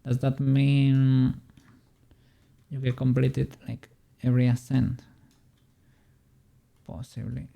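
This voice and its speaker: A 3D modeling streamer chatting casually on a livestream and muttering quietly to themself while working. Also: medium pitch, flat delivery, takes it slowly, gravelly, pauses often.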